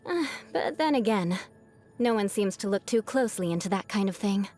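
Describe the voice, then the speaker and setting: A woman delivers scripted voice lines as a proud young aristocratic knight in a video game: haughty, formal, teasing and vengeful, yet secretly caring. Her medium-pitched, darkish voice has lively intonation at normal speed, lightly acted over soft background music, in a proud, reflective mood.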